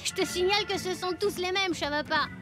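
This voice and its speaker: A woman voicing a carefree, excitable young boy in an animated series, breezy and exclamatory, quick to tease or get exasperated. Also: very high voice, over music. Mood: exasperated, teasing. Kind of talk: animated children's series dialogue.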